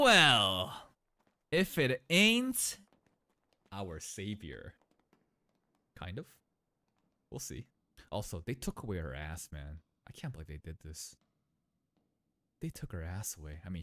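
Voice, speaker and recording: A young man hosting an anime reaction video, talking casually with slang and swinging between loud outbursts and low muttered asides into a studio mic. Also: sing-song, measured pace, pauses often. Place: small bright indoor room. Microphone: large studio mic on a boom arm.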